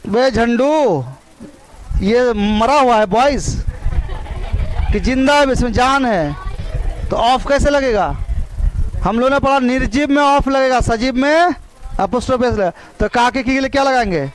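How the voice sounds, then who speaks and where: Male teacher, high voice, strict, drills words, outdoor class with animals heard. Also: a little hiss or hum, poor audio. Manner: scolding, repeats words to drill pronunciation. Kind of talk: classroom grammar lesson.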